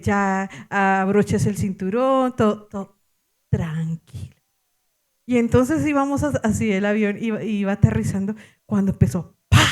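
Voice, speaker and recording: A middle-aged woman pastor with a Colombian accent, telling a story in a sermon, animated and laughing with exclamations. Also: medium pitch.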